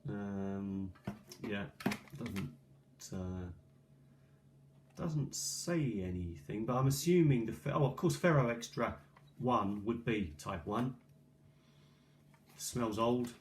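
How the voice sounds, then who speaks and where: Taking it slowly with long pauses, a middle-aged man with a low voice and lively intonation rambles through a show-and-tell of old cassette tapes at his kitchen table, hesitant and musing. The sound comes from an old iPad's built-in mic and is clearly noisy, with clicks.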